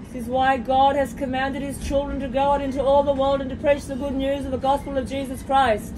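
A woman's voice: flat delivery, brisk. A woman preaching fervently to passengers inside a moving train, with repeated hallelujahs and direct appeals, recorded on a phone. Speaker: street preacher. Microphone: phone camera held by the preacher. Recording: phone audio with loud train noise. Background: train rumble.

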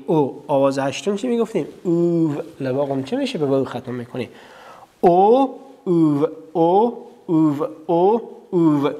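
A man's voice: on the high side, darkish tone, in a large hall. A man with an Afghan Dari accent teaching a televised literacy lesson, asking his students questions and answering them himself, and drawing out vowel sounds in repeated drills. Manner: addresses students directly, asks and answers his own questions.

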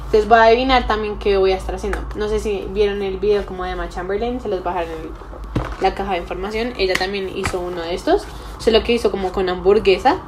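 Talking fast in a mid-range voice with fairly even intonation, a young woman vlogs while cooking at a table. Her chat to the camera is casual and a little tentative, set in a small indoor room with background noise.

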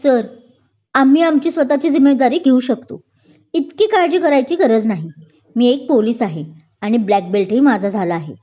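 Brief: fiery young female cop, indignant outbursts, voiced by a woman storyteller, mellow but loud, lo-fi. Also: high-pitched, moderate pace. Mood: angry. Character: fiery young policewoman, quick to anger.

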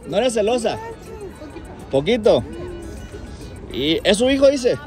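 A young Mexican-accented man with a very high, lively voice hosts a street challenge, joking and egging on the crowd. His slangy banter is caught on a phone camera in a packed outdoor plaza. A loud crowd and music fill the background. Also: slow. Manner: playful teasing, slangy, cheering and counting down. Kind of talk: casual street hosting, egging people on.

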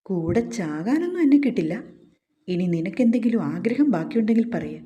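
A woman voicing a cool, teasing young husband who answers calmly in a storybook reading. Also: medium pitch, brisk, natural voice.

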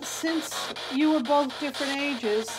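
A woman with a high voice leads a spirit box session over loud radio noise. She asks the spirits questions in a halting way, often pausing and starting a phrase again. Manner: halting, with pauses and repeated phrasing. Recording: very noisy, loud background noise.

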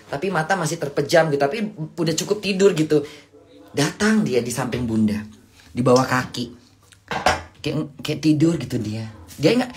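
Grumbling woman vlogger. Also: deep voice. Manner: grumbling, scolding, cooing at her cats. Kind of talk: casual monologue to camera and her cats. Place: at home during rain.

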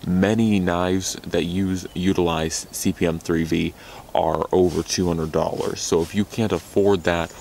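A man's voice: low-pitched, vocal fry, slight background noise. A young American man reviewing knives outdoors in the snow in a rambling, enthusiastic way that often corrects itself. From United States. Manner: rambling, self-correcting, enthusiastic about gear. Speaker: knife reviewer. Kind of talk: casual gear review.

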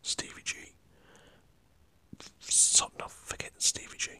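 Taking his time, this northern English man whispers in a bright, forceful way about football for an ASMR channel. His talk is rambling and chatty with mild swearing, recorded on a camera in front of him.

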